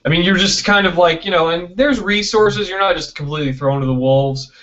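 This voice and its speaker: Fairly quick and a bit bright, this high male voice comes from a Michigan film producer and director being interviewed over an online video call. He's casual and chatty, often tossing in "right?" and "you know" and acting out imagined quotes, with dull, lo-fi internet audio.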